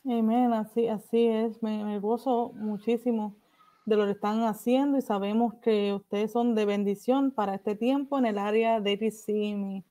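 A woman's voice: medium pitch, fairly even intonation, moderate pace, dark tone. A woman in her forties hosting a casual video-call interview, affirming her guest often. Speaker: host. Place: home room, indoors. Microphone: laptop on a video call.

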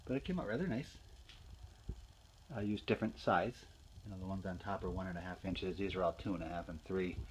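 A man's voice: sits low, a little hiss or hum, low-quality recording. A man showing his woodworking projects in his home garage, talking casually to a handheld phone camera with fillers and restarts. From Northeastern Pennsylvania. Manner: plain, unhurried, with fillers and restarts. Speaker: hobby woodworker. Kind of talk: casual show-and-tell vlog.

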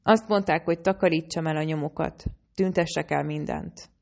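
A woman's voice: low-pitched, vocal fry, a little mellow. A woman reading the lines of a cold, scheming woman scientist who hisses her words, in an audiobook. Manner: hissing, curt.

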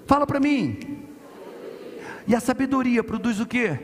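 A man with a very high voice preaches an impassioned sermon in a large church hall, his words ringing in a long reverb. He is emphatic, repeats his phrases and calls on the crowd to answer, with soft music underneath. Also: lively intonation, a little slow. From Brazil. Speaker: pastor.

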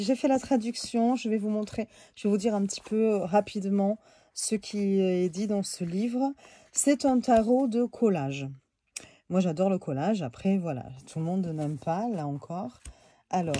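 Nasal, mellow-voiced woman with a cold. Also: fairly low pitch. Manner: hesitant, many fillers, chatty. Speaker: tarot reviewer. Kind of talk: casual deck review.

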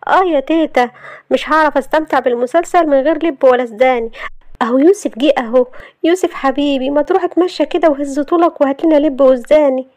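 A woman's voice: high voice, quick pace, a little mellow, no room sound, voice pushed up, natural voice. Woman doing a sassy Egyptian young wife. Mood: cheeky. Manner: sassy, argumentative. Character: feisty, stubborn young wife, quick-tongued.

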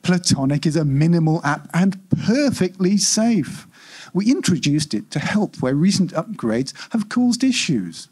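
In a live short-story reading, a man voices a near-future customer-service AI that stays unfailingly polite yet quite implacable, its patter scripted and corporate. His slightly husky voice swings lively in pitch, unhurried and exaggerated, with a polite, insistent mood.

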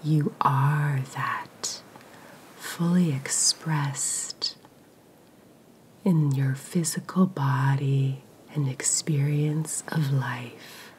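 A woman whispering a slow guided meditation, breathy and soothing, with long soft pauses. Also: rumbling low, fairly even intonation, a little hiss or hum, low-quality recording.

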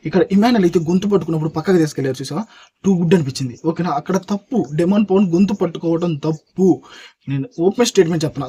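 A man's voice: fairly high pitch, dark tone, husky. A man reviewing a reality show in casual, opinionated talk, emphatic and speaking straight to his viewers. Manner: emphatic, talks straight to viewers, keeps asking "okay?".

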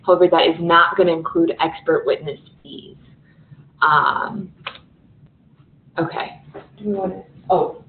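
A woman's voice: fairly low pitch, steady tone, a little slow, long pauses, slight background noise. A woman presenting a legal training session as an attorney, explaining steps with frequent fillers and hurrying near the end. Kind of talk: recorded training webinar presentation. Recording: phone-line audio, echoey room.

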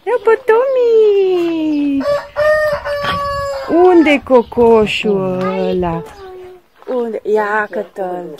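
A woman filming a casual walking vlog in a village garden on a phone, exclaiming often and talking to her viewers. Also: mid-range voice. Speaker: vlogger.

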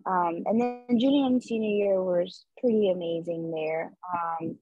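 A young Nepali woman, a street artist, speaks earnestly as an interview guest over a video call, using lots of filler "likes" in a casual, reflective conversation. Her voice is lowish, warm and measured. The laptop mic gives dull video call audio, with faint music in the background.

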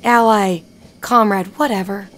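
A woman streaming a video game live, chatting and thinking out loud with excited reactions. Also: medium pitch, a little slow. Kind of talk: live gameplay commentary.

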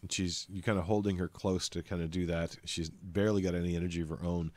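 A man's voice: sits low, flat delivery, fast talker, a little mellow, dry recording. A man narrating a tabletop game as game master, describing scenes with frequent ums and uhs.

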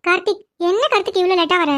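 A woman's voice: extremely high pitch, steady tone, fast, a bit bright. A woman voicing a fretful, jealous young girlfriend in a cartoon, speaking in a worried, coaxing way.

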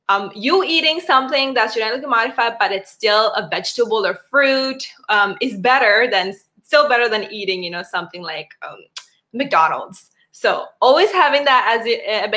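Woman from Sri Lanka, health presenter, bright, slightly high voice, chatty with fillers, video-call audio. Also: animated, moderate pace. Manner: chatty, many fillers and restarts. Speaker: wellness doctor presenting a webinar.

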